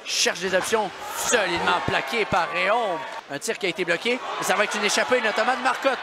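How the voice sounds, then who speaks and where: A man with a Quebec French accent giving excited sports commentary as a hockey play-by-play announcer, shouting out shots and goals. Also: sits high, a little fast, heavy background noise. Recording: loud arena crowd and music behind. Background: hockey arena crowd, music.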